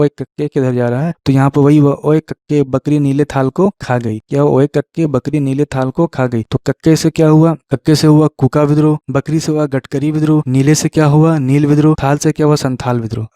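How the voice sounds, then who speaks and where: Fast-talking male teacher. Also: medium pitch, mellow, no echo, studio quality. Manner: rapid question-and-answer, repeats key words. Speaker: exam coaching teacher. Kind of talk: mnemonic history lesson.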